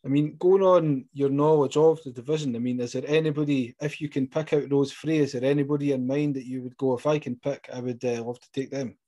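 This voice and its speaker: Scottish guy doing a sports interview, mellow voice, chatty and rambly. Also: mid-range voice, fairly even intonation, fairly quick, hardly any pauses. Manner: chatty, encouraging, rambling questions.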